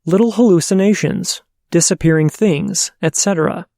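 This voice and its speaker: A man hosting a paranormal podcast, reading listener letters aloud in a steady, measured way. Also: high-pitched, no room sound, clean studio sound.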